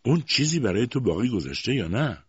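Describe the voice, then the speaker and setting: Guy doing a cold bossy old aunt, high and sharp, mocking, husky tone, flat dry lo-fi sound. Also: no room sound. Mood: cold, stern. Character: stern, harsh older spinster aunt, woman. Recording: dull lo-fi dry recording.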